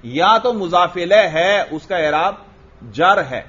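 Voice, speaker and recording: A man with a fairly high, expressive and somewhat bright voice leads a grammar lesson, repeatedly posing questions and answering them himself while repeating every key word. The audio sounds dull and lo-fi, like an old classroom tape.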